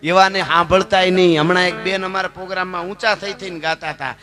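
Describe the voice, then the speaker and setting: Guy telling folk stories live, high voice, music playing behind. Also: fairly even intonation, fast talker. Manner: dramatic, emphatic, slips into characters' voices and chanted verse. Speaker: folk storyteller and dayro performer. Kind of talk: live folk storytelling with sung verses. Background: accompanying music.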